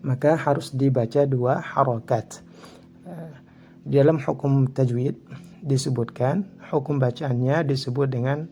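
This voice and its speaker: Indonesian male Quran recitation teacher, patient step-by-step explainer, slow delivery, dark gravelly tone. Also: medium pitch, a little hiss or hum. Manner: explains rules slowly, then recites examples drawn out. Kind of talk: tajwid lesson with recited examples.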